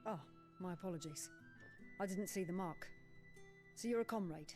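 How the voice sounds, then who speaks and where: A woman voicing a brisk tavern keeper in a video game, speaking with a servant's eager deference. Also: lowish voice, darkish tone, soft background music, lightly acted. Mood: fawning. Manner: curt, then fawning.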